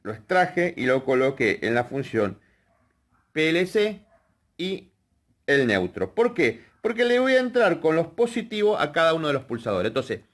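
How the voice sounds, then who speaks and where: A man's voice: on the high side, sing-song, normal speed. A man teaching a hands-on wiring lesson, explaining step by step and often checking in with the viewers. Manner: explanatory, checks in with frequent "¿sí?" and "fíjense". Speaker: electrical workshop instructor.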